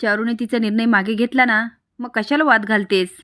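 A woman's voice: fairly high pitch, fairly even intonation, brisk, a bit bright, dry recording, clean studio sound, close to an everyday voice. Woman doing a placating husband.

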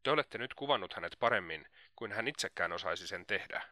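Audiobook: man voicing a quick-witted young woman who teases; dry, close sound. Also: lowish voice, expressive, bright, forceful tone, no room sound. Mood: teasing. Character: witty, spirited young woman.

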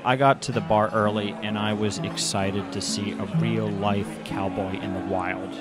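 A man's voice: on the low side, level tone, normal speed. A young man, a stand-up comedian, narrating his travels in a dry, matter-of-fact way into a handheld mic. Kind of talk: vlog narration. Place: small club stage with poster wall. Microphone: handheld stage mic. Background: background music.

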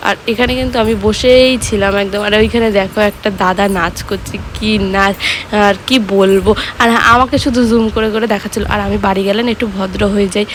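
A young woman chatting casually in a vlog, speaking softly because of a sore throat. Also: a little hiss or hum. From West Bengal, India. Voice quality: soft, low-voiced talk because of the sore throat. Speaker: vlogger.

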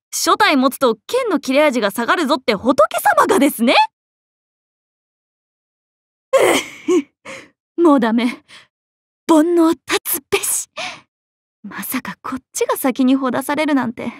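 High, animated young swordswoman, Miyamoto Musashi. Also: dry recording, studio quality. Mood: flustered, bashful. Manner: playful, expressive, swinging between teasing and flustered. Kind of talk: Japanese anime-style mobile game character acting.

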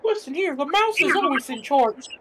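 A man voicing a small, bossy mouse in a squeaky, high put-on voice, over a livestream. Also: lively intonation, moderate pace, pushed and bright, a little hiss or hum, full character voice. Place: home gaming setup during a livestream.

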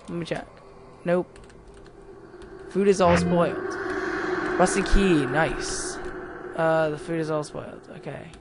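A man's voice: high voice, background noise. A young man commenting on a horror game as he plays, reading its text aloud and yelping and cursing when startled. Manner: jumpy, yelps and curses when startled. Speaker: gameplay commentator.

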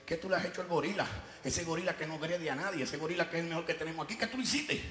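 A man playing an indignant old male zoo owner who scolds, then slowly explains. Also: fairly high pitch, sharp tone, echoey room, big-room sound.

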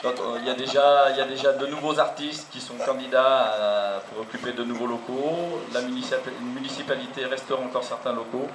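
A man's voice: medium pitch, steady tone, fairly quick, hardly any pauses. Male official speaking in an echoey square. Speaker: local elected official. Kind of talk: semi-improvised public speech. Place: open town square outdoors. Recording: echoey, noisy outdoor recording.

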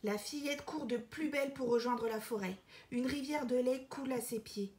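A woman reads a children's storybook aloud in a high, bright-toned voice. She tells it expressively, sinking into breathy whispers for the quiet moments. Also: moderate pace, noisy background. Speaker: storyteller reading a picture book.

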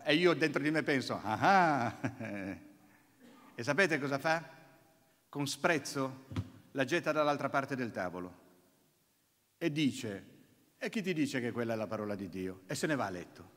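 A man's voice: a little high, fairly bright tone. A male Italian preacher giving a sermon, telling a personal testimony and acting out family dialogue. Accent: Italian, Neapolitan region. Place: church. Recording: church hall reverb.

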